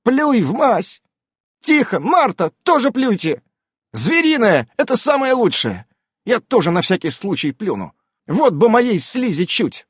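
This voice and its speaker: A man reading an audiobook, voicing a commanding adult witch woman who barks sharp, scolding orders. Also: high voice, very animated, measured pace, husky, no room sound, studio quality, pitched above the performer's own voice, full character voice.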